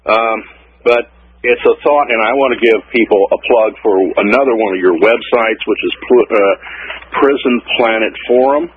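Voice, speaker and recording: A man's voice: on the low side, normal speed, a little hiss or hum. A male caller on a phone line who speaks earnestly and hesitantly, with many fillers. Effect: calling in over a phone line. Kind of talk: radio call-in.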